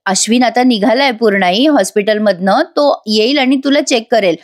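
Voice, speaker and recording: An exasperated young husband, firm and sharp-tongued, as a woman reads him. The voice climbs high, above the narrator's usual. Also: moderate pace, lightly acted.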